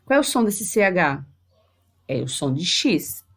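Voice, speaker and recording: A woman teacher with a Brazilian Portuguese accent giving a recorded lesson to sixth graders, spelling out sounds slowly and carefully. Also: fairly low pitch, sing-song, slightly rough.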